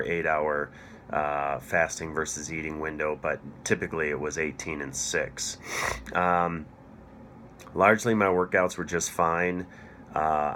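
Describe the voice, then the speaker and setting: A middle-aged man with a low voice made froggy and hoarse by a chest cold talks to camera, explaining things with care. His tone is bright and forceful despite the rasp. A faint hum of ambient noise sits under the voice. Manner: thoughtful, explaining while checking notes. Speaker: cycling coach and host. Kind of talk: casual explanatory video talk.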